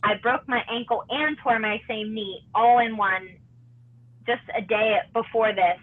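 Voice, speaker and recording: A woman in her thirties, a former gymnast guest, talking haltingly with many restarts and sounding close to tears. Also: a little high. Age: 30s. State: tearful. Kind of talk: emotional personal interview. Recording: tinny phone line.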